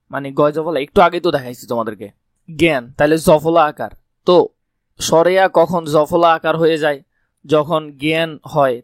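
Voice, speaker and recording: Hoarse man teaching exam prep. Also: a little high, no echo, clean studio sound. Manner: repeats key points as quick questions and answers. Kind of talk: exam-prep grammar lesson.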